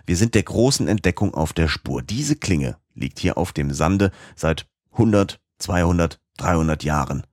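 Stubborn elderly professor, read by a man, lecturing firmly, very deep, dry close audiobook sound. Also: animated, unhurried, hardly any pauses, a little mellow, no room sound. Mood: eager. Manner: lecturing, firm. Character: learned elderly male professor, stubborn and excitable.

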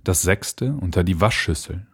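Male storyteller, low voice, very lively intonation, unhurried fairy tale reading. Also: creaky, slightly rough. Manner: slow, expressive reading. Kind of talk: reading fairy tales aloud. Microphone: home mic setup.

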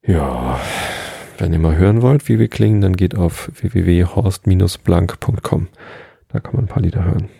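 A man with a deep, gravelly voice reads a storybook aloud in a calm, relaxed way after some casual chat. His tone is dark and husky, recorded close and dry with no room sound. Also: moderate pace, no echo. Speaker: band musician reading a story.

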